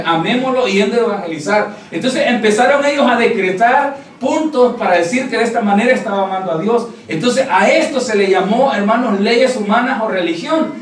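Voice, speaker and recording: A man's voice: high voice, slight background noise. A man preaching a sermon, asking the congregation rhetorical questions and calling them brother. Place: church hall. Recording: roomy church recording from a distance.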